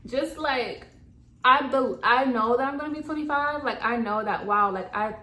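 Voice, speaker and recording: A woman's voice: fairly high pitch, normal speed, bright, forceful tone. A woman in her twenties chatting casually while doing makeup, filling her talk with "like" and restarts. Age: 20s. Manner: chatty, lots of "like" fillers. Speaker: makeup vlogger. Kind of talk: casual chat. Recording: echoey room with faint noise.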